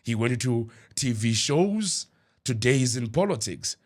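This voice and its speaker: A man hosting a podcast interview, asking questions and murmuring steady agreement while his guest speaks. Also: mid-range voice, unhurried. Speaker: podcast host. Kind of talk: conversational interview.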